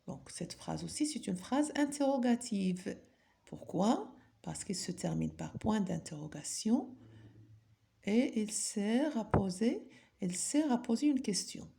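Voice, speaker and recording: A woman's voice: mid-range voice, sing-song, a little slow, creaky, warm tone, slight background noise. A woman teaching a grammar lesson, patiently asking her pupils questions and then answering them herself. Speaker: French teacher.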